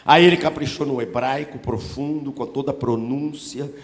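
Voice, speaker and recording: A man's voice: mid-range voice, steady tone, normal speed. A man preaching a sermon in a church auditorium, conversational and storytelling, asking rhetorical questions. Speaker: pastor. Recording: echoey church hall.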